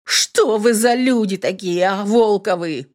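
A woman reading an audiobook, voicing a hot-tempered young woman who shouts in indignation. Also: a little high, sing-song, normal speed, voice pushed up. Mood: furious.

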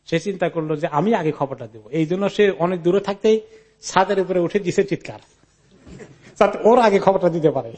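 High-voiced man giving a scripture lecture. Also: a little mellow. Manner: recites Arabic narration, then explains it in Bengali; mixes English words into his talk. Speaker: Quran commentary lecturer. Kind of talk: Quran commentary lecture.

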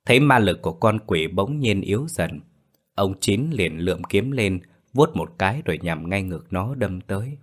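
A man narrating a horror story in a steady, dramatic way. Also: low-pitched, normal speed.

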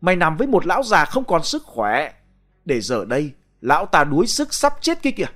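A man reading a ghost story aloud, voicing a coarse, jealous middle-aged man who shouts insults. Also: fairly high pitch, huge pitch swings, brisk, soft background music, heavily acted. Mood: raging.

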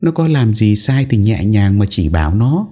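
A man's voice: lowish voice, big pitch swings, normal speed, warm tone, voice pushed up. A man playing a fretful elder first wife. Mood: chiding. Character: elder first wife, older woman of the house.

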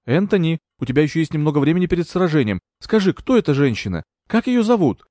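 A man voicing a scheming, sharp-tongued young woman in an audiobook, with a raised, mocking voice. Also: a little high, very animated, fast, dry recording, studio quality, pitched above the performer's own voice. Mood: impatient.

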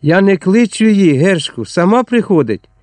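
A man's voice: sits high, big pitch swings, moderate pace, a little mellow, no room sound, pitched above the performer's own voice. A man voicing an older village priest who earnestly implores others to stop, in an audiobook. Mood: imploring.

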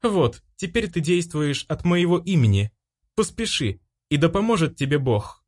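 Audiobook: man as an imperious empress, slightly raised pitch. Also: lively intonation, normal speed, darkish tone. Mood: commanding. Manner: imperious, curt commands. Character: commanding young empress.

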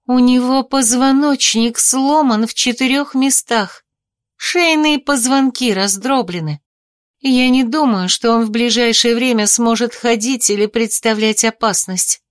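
A woman's voice: a little high, measured pace, dry recording, clean studio sound, natural voice. A woman voicing a stern, determined young woman healer who gives cold orders in an audiobook. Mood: commanding. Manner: cold, commanding.

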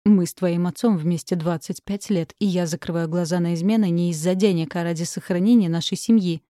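A woman's voice: fairly low pitch, fairly even intonation, fairly quick, warm tone, dry recording, studio quality, lightly acted. A woman voicing a strict, furious middle-aged mother who gives harsh commands in an audiobook. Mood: offended.

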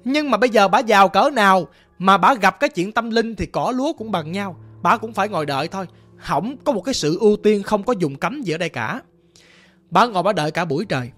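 Southern Vietnamese storyteller, chatty dramatic ghost tale, mid pitch, soft music bed. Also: a little fast. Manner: lively, conversational, dramatic.

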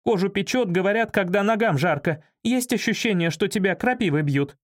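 A man reading an audiobook, voicing a frantic, shrill woman who shrieks and scolds. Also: fairly quick, natural voice. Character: shrill frantic woman, fashion designer's assistant.

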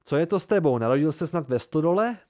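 A man reading an audiobook aloud and voicing a startled, indignant young male student in a raised, excited voice. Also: fairly high pitch, dry recording, studio quality, pitched above the performer's own voice, lightly acted. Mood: flustered.

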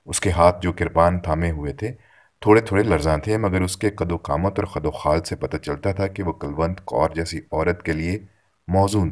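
Male narrator, very deep voice, steady measured reading of a literary story.

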